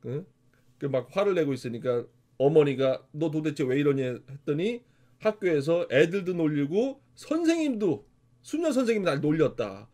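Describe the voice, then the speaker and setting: A man from South Korea delivers a motivational lecture with lively, emphatic storytelling. His voice runs high and leaps around a lot. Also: normal speed. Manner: animated, emphatic storytelling with laughs. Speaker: motivational speaker.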